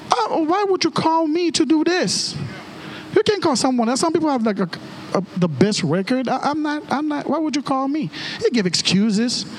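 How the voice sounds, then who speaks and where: Here a man with an extremely high-pitched voice delivers a lively narrative sermon, voicing characters' lines with exclamations. He speaks with a Haitian accent, having grown up with Creole and French, and faint background noise runs underneath.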